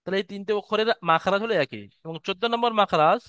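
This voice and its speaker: A man teaching an online lesson on Arabic letter pronunciation, patiently repeating each sound slowly. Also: sits high, fairly bright tone, clean tone, no echo. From West Bengal, India. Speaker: Quran recitation teacher. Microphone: video call.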